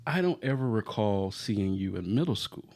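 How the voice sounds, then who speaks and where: A man's voice: lowish voice, lively intonation, normal speed, gravelly, darkish tone. A man in his forties hosting a casual podcast chat with his wife, easygoing and laughing often. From Florida, US. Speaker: podcast host.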